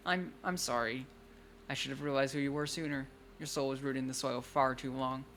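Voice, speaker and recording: A man's voice: medium pitch, fairly even intonation, fairly bright tone, a little hiss or hum, lightly acted. A man voicing a shy, awkward young woman poet who speaks hesitantly. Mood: tender. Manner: hesitant, halting.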